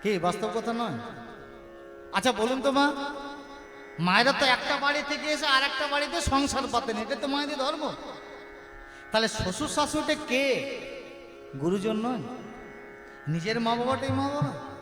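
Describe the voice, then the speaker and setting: A man's voice: very high voice, animated, normal speed, pauses often, sharp tone. A man preaching a devotional sermon between sung verses, asking his listeners rhetorical questions and calling out for responses. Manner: call-and-response with the audience. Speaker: kirtan singer and preacher. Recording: roomy echo with long reverb. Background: devotional music playing.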